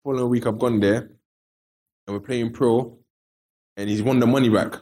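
A man's voice: medium pitch, steady tone, moderate pace, dark tone. A man with a London roadman accent, telling stories casually in street slang as an interview guest and acting out the dialogue.

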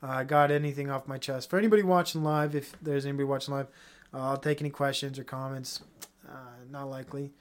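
A man's voice: medium pitch, fairly even intonation, quick pace. A young man hosting a solo podcast, ranting in a profane, heated way, then trailing off into mumbles. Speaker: podcast host.

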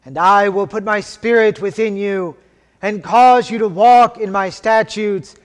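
A man leading a liturgy as officiant, intoning prayers and scripture in a solemn, measured way, his voice ringing in a cathedral echo. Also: sits high, steady tone. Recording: long church reverb.

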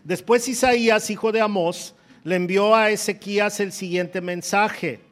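A man's voice: high-pitched, steady tone, unhurried. A man preaching a sermon, asking his listeners questions and reading scripture aloud with force. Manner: asks the congregation direct questions.

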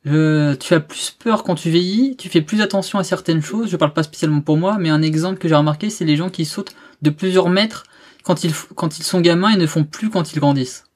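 A man's voice: on the high side, brisk. A man taking part in a casual conversation, adding short remarks and questions. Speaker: conversation partner. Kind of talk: casual chat.

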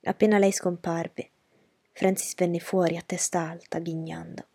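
A woman narrating a novel in a measured storytelling voice. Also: fairly low pitch, level tone, vocal fry, warm tone, slightly rough, dry recording, studio quality. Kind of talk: audiobook reading of a novel.

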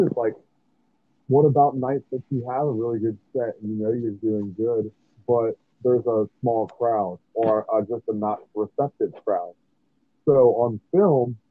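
A man's voice: fairly low pitch, no room sound. A man in casual podcast chat, speaking in a laid-back, rambling way, his voice muffled as if heard through a wall. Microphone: bad remote call mic. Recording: muffled tinny call audio.

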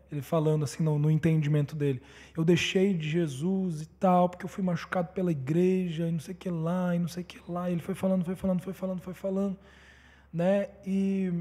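High, husky Brazilian preacher. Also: male voice, mellow, long reverb tail. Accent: Brazilian Portuguese. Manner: conversational storytelling, constant tag questions. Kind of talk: sermon testimony.

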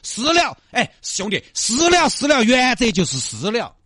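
A man's voice: very high-pitched, wildly swooping pitch, moderate pace, pushed and bright, dry recording, heavily acted. A man playing a pushy, chummy wealthy driver who insists on taking the blame and keeps calling the other man brother. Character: brash wealthy male Audi driver, pushy and generous. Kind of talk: comedy skit.

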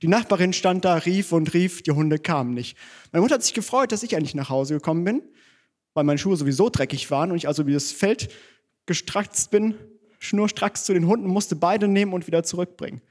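Man, fairly high voice, church sermon, relaxed conversational preaching, self-deprecating humor. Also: brisk.

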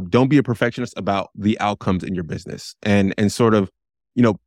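A man's voice: on the low side, no room sound, studio quality. A man co-hosting a podcast interview, talking in a loose, rambling way with many restarts. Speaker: podcast co-host.

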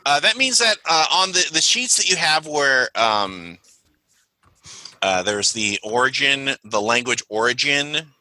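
A man's voice: medium pitch, expressive, unhurried, pushed and bright, no room sound, rough recording. A man running a tabletop role-playing session as game master, chatty and rambling with lots of fillers.

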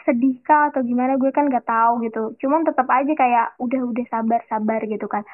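A young woman with a high voice hosts a casual solo podcast, chatting in loose slang and talking right to her listeners. The sound is thin and tinny, like it came through a phone line. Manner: chatty slangy storytelling, addresses listeners directly. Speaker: podcast host.

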